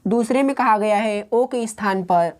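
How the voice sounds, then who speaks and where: A woman teaching grammar, patient and repetitive, who walks through each rule step by step with frequent pauses. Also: medium pitch, a little mellow. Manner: patient, slow and repetitive, pausing often. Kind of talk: explaining grammar rules step by step.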